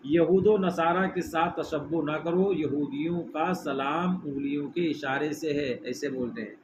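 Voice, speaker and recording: A middle-aged religious teacher with a fairly high voice leads a lesson in a hall. He works by questioning his listeners and having them say phrases back to him. The recording is dull and muffled, with a steady hiss of noise behind him. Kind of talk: religious lesson with call-and-response.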